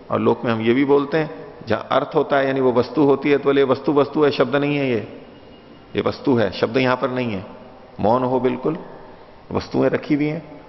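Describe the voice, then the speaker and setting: A man giving a lesson on Vedic philosophy, reciting Sanskrit lines slowly and then explaining them in a conversational, questioning way. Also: medium pitch, vocal fry. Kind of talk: lecture explaining Sanskrit sutras. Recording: dull lo-fi audio with long reverb.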